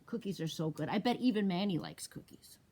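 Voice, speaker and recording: A woman's voice: lowish voice, fairly quick, a little hiss or hum. A woman librarian reading a picture book aloud to young children, asking them questions as she goes. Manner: animated, asks children questions. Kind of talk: storytime read-aloud.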